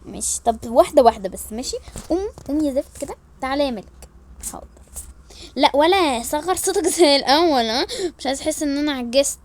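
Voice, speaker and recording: An Egyptian woman telling a role-play family story, switching quickly between the voices of a mother and her children. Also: high voice, animated. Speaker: storyteller voicing all characters.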